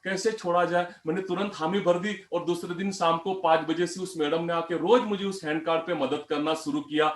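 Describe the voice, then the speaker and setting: High-voiced middle-aged male motivational speaker. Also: echoey room. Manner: anecdotal, addresses the audience as friends. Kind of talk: storytelling motivational speech.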